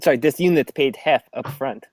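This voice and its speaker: A stealthy, curt robot stowaway, as a player puts it on speaks in a quiet, flat robotic way and calls itself "this unit." The mid-pitched voice sits dry and close to the mic with no room sound. It suits a tabletop role-play scene. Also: brisk, slightly rough, dry recording, lightly acted. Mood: terse.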